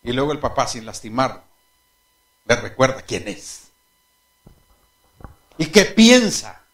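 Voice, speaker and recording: A pastor with a mid-range voice speaks slowly in his sermon. He tells anecdotes with animation and laughter, often amused by his own stories, and puts direct questions to the congregation.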